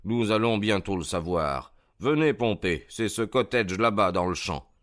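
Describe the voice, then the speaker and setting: A man voicing a sharp, decisive male detective in a read-aloud story, speaking in a measured, commanding way over faint music. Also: lowish voice, lively intonation. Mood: tense.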